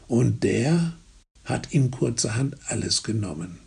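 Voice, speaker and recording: A man voicing a sick peasant father of about fifty, with a hoarse, raspy voice and a slow, reproachful way of lecturing his sons. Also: mid-range voice, heavily acted. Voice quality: raspy, gravelly.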